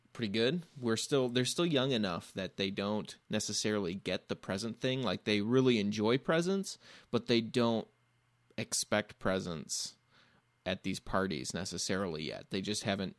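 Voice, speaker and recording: A young father co-hosting a podcast over a call from home, telling stories in a relaxed casual chat and laughing easily. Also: fairly low pitch, moderate pace, no room sound. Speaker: podcast co-host.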